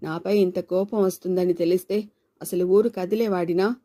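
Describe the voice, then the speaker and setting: A woman's voice: lowish voice, fairly even intonation, normal speed, warm tone, natural voice. A woman reading a novel aloud and voicing a sly husband who talks with mockery or pleading. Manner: mocking.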